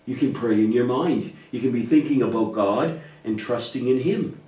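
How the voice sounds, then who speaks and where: In a children's church puppet show, a man with a mid-range, slightly mellow voice speaks at a moderate pace. His scripted lines are gentle, patient, and reassuring, teaching kids about faith simply, and the sound is distant and echoey.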